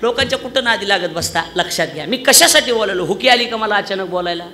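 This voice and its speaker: Loud, bright-voiced comic preacher. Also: male voice, high voice, fast, a little hiss or hum. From Maharashtra, India. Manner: loud, animated storytelling, acting out villagers' voices. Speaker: kirtan preacher. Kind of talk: comic devotional sermon.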